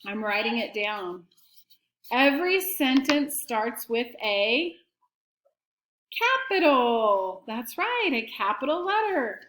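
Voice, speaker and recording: A woman teacher giving an early-grade writing lesson and slow dictation to students at home, prompting them patiently. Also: on the high side, a bit bright, echoey room, slight background noise.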